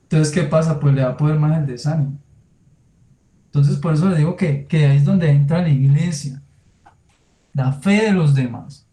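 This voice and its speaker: A man preaches in a church, speaking straight to his listeners in a conversational tone. His voice sits a little high but sounds mellow and soft. The room adds clear echo around him. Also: moderate pace, pauses often. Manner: tells lively personal anecdotes with sound words. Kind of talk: sermon. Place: church hall. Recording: echoey room.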